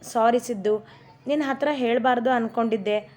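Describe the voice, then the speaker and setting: A worried young wife from a read-aloud love story, hesitant and pleading as she speaks, voiced by the woman narrating. The voice sits slightly high. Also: fairly even intonation, normal speed, darkish tone, natural voice. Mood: tearful.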